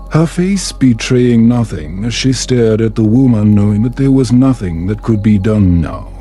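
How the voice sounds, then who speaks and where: A man with a mid-range voice reads a bedtime story as scripted ASMR narration. He keeps it calm, measured, soothing and gentle.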